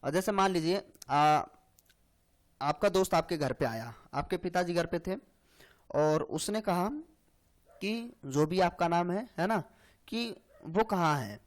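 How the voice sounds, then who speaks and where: Male tutor with a high voice, for an exam-prep grammar lesson; slow, repetitive, keeps checking the student follows. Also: lively intonation. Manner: explains slowly, repeats lines, frequent "hai na" and "theek hai". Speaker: Hindi grammar teacher.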